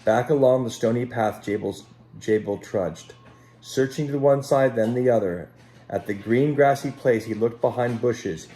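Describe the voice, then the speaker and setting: Speaking in a mid-range voice, a Sunday school teacher reads a Bible story aloud to children at an unhurried, gentle pace and stops now and then to address them directly.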